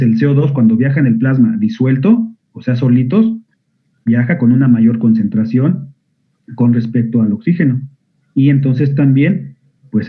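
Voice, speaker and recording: Guy teaching med students online, keeps asking questions, sounds like a phone line. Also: medium pitch. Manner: asks students frequent questions, clears throat often. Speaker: medical school lecturer. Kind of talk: online physiology lecture. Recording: narrow phone-like audio.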